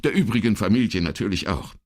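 A man voicing a middle-aged police commissioner who speaks in a hurried, uneasy and halting way. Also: lowish voice, expressive, pitched above the performer's own voice. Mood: tense.

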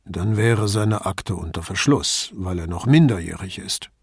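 A man reading an audiobook, voicing a gruff, skeptical male police inspector who grumbles slowly and doubts. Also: sits low, lively intonation, no echo, clean studio sound, heavily acted.

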